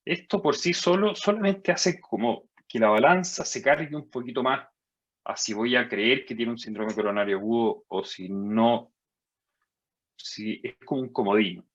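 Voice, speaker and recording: A man giving a medical lecture as a physician, measured and explanatory, jumping higher in pitch to stress key points. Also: lo-fi sound. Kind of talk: medical lecture over slides.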